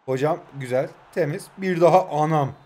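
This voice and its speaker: Young guy with a pretty high voice, rambling jokey play-by-play as he games. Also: normal speed, darkish tone. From Turkey. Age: 20s. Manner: joking, teasing, talks to himself and viewers. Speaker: gaming YouTuber. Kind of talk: live gameplay commentary.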